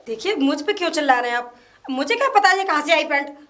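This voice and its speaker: A woman's voice: high voice, expressive, quick pace, fairly bright tone. A woman playing a flustered, defensive wife in a comedy sketch, dodging questions. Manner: defensive, evasive.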